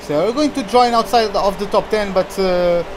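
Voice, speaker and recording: Male gamer commentating over loud engine noise. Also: high voice, normal speed. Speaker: video game player and commentator. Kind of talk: casual live gameplay commentary. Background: racing game car engines.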